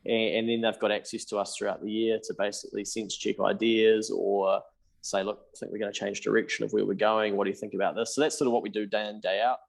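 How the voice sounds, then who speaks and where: A man in his thirties with a New Zealand accent talks as a podcast guest, his voice sitting a little low. He tells his story candidly and swears casually. He slips into the voices of people he talked to as he goes. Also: level tone, quick pace, creaky. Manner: candid, swears casually, acts out his own past dialogue. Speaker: podcast guest, accountant and business founder.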